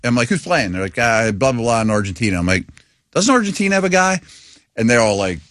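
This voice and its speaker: A middle-aged man co-hosting a casual sports radio show, an animated storyteller who laughs at himself. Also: mid-range voice, quick pace, a little hiss or hum. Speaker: radio co-host.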